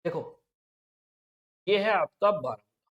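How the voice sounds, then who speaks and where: A man's voice: high voice, animated, takes it slowly, muffled recording. A male coaching teacher giving an exam-prep lecture, quizzing his students and repeating every answer. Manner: repetitive quizzing, keeps saying "okay" and "friend".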